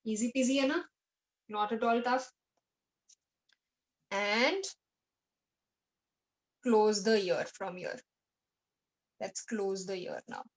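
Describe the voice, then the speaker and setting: A woman's voice: medium pitch, very slow, pauses often, rough recording. A young woman with an Indian English accent, teaching an online art class to children, patient and coaxing, repeating her steps as she mixes Hindi and English.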